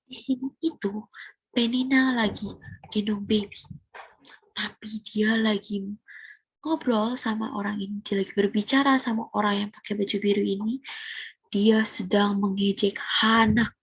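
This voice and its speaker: On a dry recording, a young female Sunday school teacher with a slightly rough, high-leaning voice animatedly recounts a Bible story to kids. She asks them questions and now and then sinks to a whisper.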